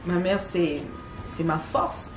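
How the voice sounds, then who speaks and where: A woman's voice: on the low side, takes it slowly, music in the background. A young woman tells a story to her viewers in a casual way. She repeats phrases and drops slangy asides. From Gabon. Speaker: online content creator. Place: home with children playing nearby. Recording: echoey room with faint background noise.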